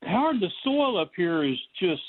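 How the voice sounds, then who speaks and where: A man's voice: sits high, big pitch swings, normal speed. A man calling in to a radio show over the phone, chatting in a friendly, rambling way. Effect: heard over the phone. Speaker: radio call-in caller. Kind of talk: casual chat. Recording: tinny phone line with faint hiss.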